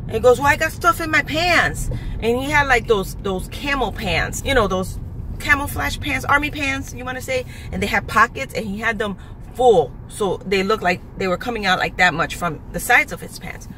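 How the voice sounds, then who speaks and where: A woman in her forties tells a rant-style story into her phone from inside a car. She is animated, calls her viewers "guys," and acts out both sides of each exchange. Loud car and road noise runs under her voice. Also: fairly high pitch, normal speed. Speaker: vlogger. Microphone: phone camera at arm's length.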